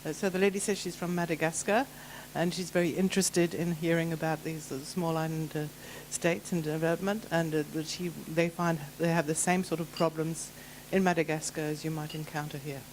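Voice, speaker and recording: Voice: medium pitch, flat delivery, brisk, a little hiss or hum, poor audio. An interpreter giving a brief spoken summary of another speaker's remarks.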